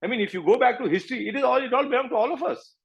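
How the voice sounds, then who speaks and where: High-voiced Indian man, emphatic. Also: very fast, gravelly, slightly rough. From Manipur, northeast India. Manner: emphatic, repeats points, slips into Hindi phrases. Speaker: interview guest, advocate. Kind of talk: impassioned political interview talk.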